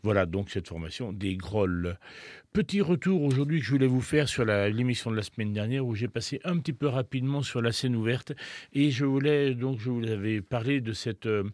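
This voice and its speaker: A man's voice: mid-range voice, fairly quick, a little mellow, no echo. A man hosting a local radio jazz show, talking casually with many hesitations and restarts.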